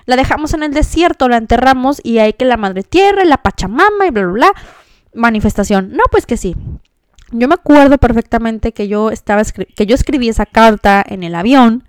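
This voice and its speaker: A Mexican woman hosting a podcast, telling a personal story in a chatty, expressive way with many fillers. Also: on the high side, brisk, clean tone, dry recording. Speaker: podcast host. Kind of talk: casual storytelling monologue.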